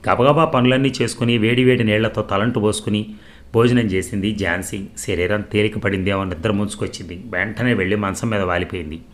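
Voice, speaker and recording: A man narrating a novel as storyteller, in a steady, measured reading. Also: lowish voice.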